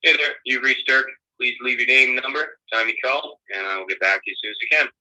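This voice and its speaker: Quick, bright voicemail man on speakerphone. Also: medium pitch, low-quality recording. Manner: quick, friendly recorded greeting. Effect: played back over a speakerphone. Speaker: business owner's voicemail greeting.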